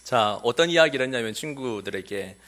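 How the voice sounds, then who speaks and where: A man's voice: mid-range voice, brisk. A man preaching a sermon as a pastor in a church, using many filler sounds and acting out the voices of the people he quotes. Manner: animated, acts out quoted voices of children and Jesus. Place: church sanctuary.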